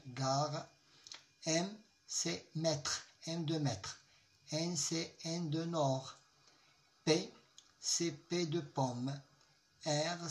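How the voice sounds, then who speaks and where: A man with a slightly raised voice teaches an introductory lesson. He talks in an unhurried, deliberate way, pausing on drawn-out fillers. He often repeats each example word. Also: on the high side. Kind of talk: slow explanatory lesson.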